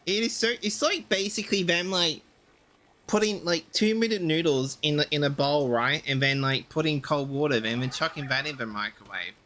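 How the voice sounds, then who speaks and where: A man's voice: fairly high pitch, moderate pace, sharp tone. A man streaming a game, chatting casually in a rambling, ranting way and swearing freely. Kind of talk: casual chat while gaming.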